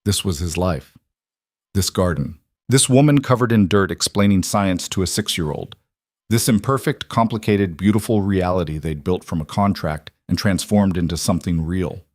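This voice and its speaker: Low-voiced man narrating a story. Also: normal speed, no echo, clean studio sound.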